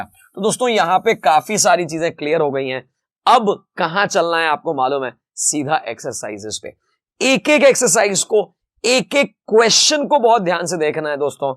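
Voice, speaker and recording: A man teaching English grammar in a lively, chatty way, reading each example sentence slowly and then explaining it. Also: a little high, no room sound, clean studio sound. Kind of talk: grammar lesson explained in Hindi.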